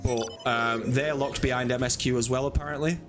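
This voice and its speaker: A chatty man streams a game and talks casually. He rambles and pokes fun at himself. His voice sits at a middle pitch, with faint music underneath. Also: fairly even intonation, brisk, a bit bright. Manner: chatty, rambling, self-deprecating. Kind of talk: casual live-stream chat.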